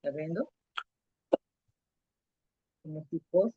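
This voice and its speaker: A woman's voice: sits low, lively intonation, takes it slowly, husky, no echo, phone-quality sound. A woman teaching a live online Spanish lesson to children, patiently repeating letters and coaxing the kids to answer.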